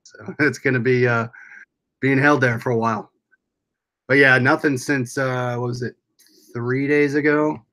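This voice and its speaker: A man's voice: mid-range voice, steady tone, measured pace, pauses often, sharp tone. Casual American man chatting on a livestream. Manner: rambling, reads and answers viewer comments aloud. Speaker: livestream host.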